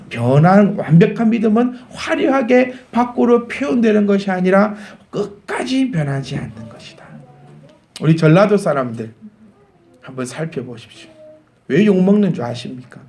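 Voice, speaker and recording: A man's voice: high-pitched, normal speed. A man, a pastor with a Gyeongsang accent, preaching a Sunday sermon to his congregation, building to emphatic peaks and joking along the way. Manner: animated, rising to emphatic peaks, laughs with the congregation. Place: church sanctuary.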